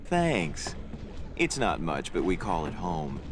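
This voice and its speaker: An actor playing a polite, officious cannibal islander in a comic adventure game, speaking deadpan like a tour guide. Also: male voice, low-pitched, takes it slowly, noisy background, full character voice. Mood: polite, proud. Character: civil, polite male cannibal islander villager with modern tastes.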